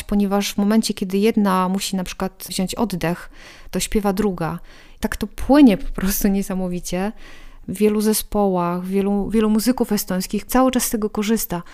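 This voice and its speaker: A woman speaking as a guest expert, explaining with enthusiasm and detail in a relaxed conversation. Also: medium pitch. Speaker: guest expert on Estonian culture.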